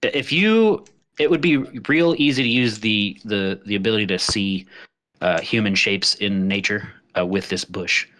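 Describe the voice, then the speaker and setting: A man narrates a tabletop game as its game master. His voice is fairly low and forceful, and his delivery is informal and halting.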